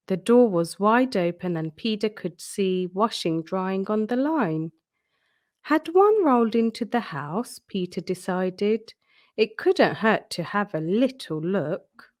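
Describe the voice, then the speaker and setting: A mid-range female voice reads from a children's storybook, carefully paced and full of expression, like a storyteller.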